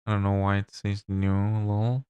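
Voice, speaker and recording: On his livestream, a native Spanish speaker from Chile with a Chilean Spanish accent talks casually, reflecting aloud as he works and responds to chat. His voice is on the low side, smooth and darkish, with little pitch movement at a normal speed and no echo.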